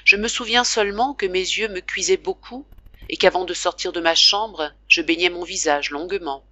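A woman reading a classic novel aloud as audiobook narrator, in a slow, emotive, dramatic manner. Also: on the low side, sharp tone, muffled recording. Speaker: audiobook reader.

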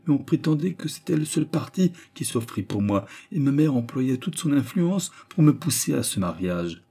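Man doing a young woman, earnest, pleading, raised pitch, husky, storybook reading. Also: very animated, moderate pace, mellow, full character voice.

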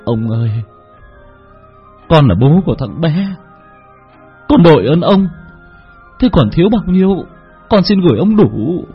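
A man voicing a poor middle-aged father who stammers and turns gruff in a storybook tale. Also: on the high side, big pitch swings, measured pace, pauses often, dull audio, faint music behind, pitched above the performer's own voice, exaggerated voice. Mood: pleading. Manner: stammering, heartfelt.

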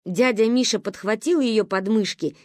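A woman narrating a humorous story as an audiobook, with lively storytelling. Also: on the high side, normal speed, slight background noise. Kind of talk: expressive audiobook reading.

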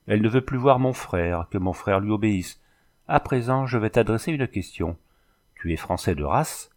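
A man reading the lines of a grave young chief, speaking in a measured, solemn way. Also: fairly low pitch, expressive, lightly acted.

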